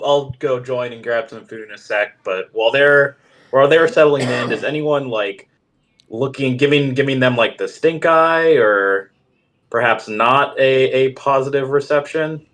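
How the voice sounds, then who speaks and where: A male tabletop player talks casually about what his character will do. His voice has an average, middling pitch. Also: measured pace, a bit bright. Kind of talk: casual chat.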